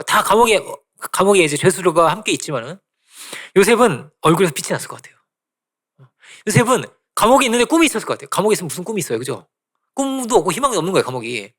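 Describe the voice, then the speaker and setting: A middle-aged man preaching a sermon as pastor, animated, often checking in with the congregation and acting out quoted voices. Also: fairly high pitch, gravelly. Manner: animated preaching with frequent tag questions to the congregation. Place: church sanctuary.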